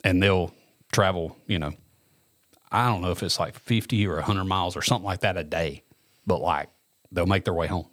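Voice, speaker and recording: Reading a news story aloud during casual podcast chat, a male co-host keeps tripping over names. He has a deep voice and speaks fairly quickly, captured in clean studio sound without any room echo.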